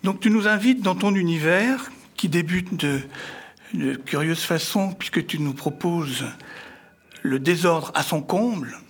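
A middle-aged man presenting an author's book to an audience in formal, literary phrasing, with halting, hesitant delivery and a husky voice. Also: a little high. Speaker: speaker introducing an author's book. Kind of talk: semi-prepared public book presentation.

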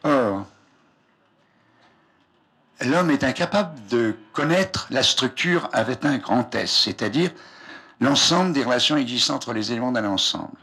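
Speaking a little slowly with frequent pauses, this older scientist has a medium-pitched, sharp, slightly rough voice and lively intonation. His informal, discursive public lecture, given from a raised platform in a lecture hall and often broken off mid-phrase, is preserved on an old archive tape.

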